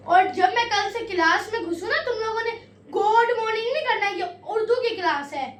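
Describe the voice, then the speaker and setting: A woman with a very high voice teaches a classroom lesson, strict and scolding in between, drawing out each verse line slowly as she reads. She sounds far from the mic in an echoey room, with a faint hum of ambience behind her. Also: fairly bright tone. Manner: slow drawn-out verse reading. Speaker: Urdu teacher.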